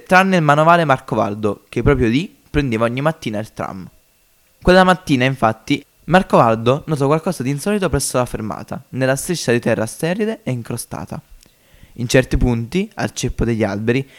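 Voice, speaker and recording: A man reading a story aloud for a homemade audiobook podcast. He keeps a measured, expressive delivery at a middle pitch. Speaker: narrator. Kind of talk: amateur audiobook narration.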